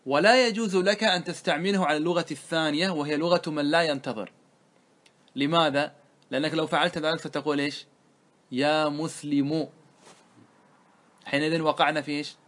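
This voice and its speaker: In a slightly high, steady, somewhat bright voice, a man teaches grammar by explaining a classical poem line by line, posing questions to listeners and answering them himself. He slows down when quoting the verses.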